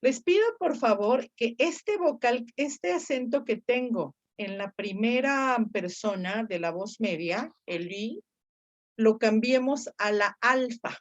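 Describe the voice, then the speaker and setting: Slow, patient woman teaching grammar. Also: fairly high pitch, expressive, highs cut off. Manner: patient, explains step by step and quizzes students. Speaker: Ancient Greek teacher. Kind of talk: online grammar lesson.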